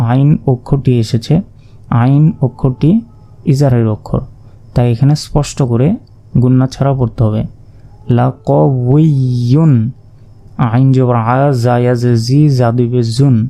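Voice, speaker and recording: A man teaching Quran reading step by step, spelling out each letter and vowel mark, then reciting the sounds slowly and drawn out. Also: mid-range voice, mellow. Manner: patient, repeats and asks himself questions. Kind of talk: step-by-step lesson.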